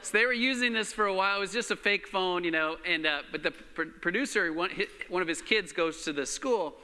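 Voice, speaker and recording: A pastor giving a relaxed, halting sermon at a pulpit microphone, with many fillers. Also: male voice, high-pitched. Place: church hall. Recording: reverberant church hall.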